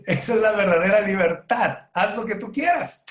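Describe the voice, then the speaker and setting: A man leads a Bible study in a casual teaching style, often asking a question and answering it himself, with small jokes along the way. His voice sits a little high. The room around him is echoey. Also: lively intonation, a little slow. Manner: asks and answers his own rhetorical questions, joking asides. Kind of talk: conversational Bible study lesson. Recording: roomy echo.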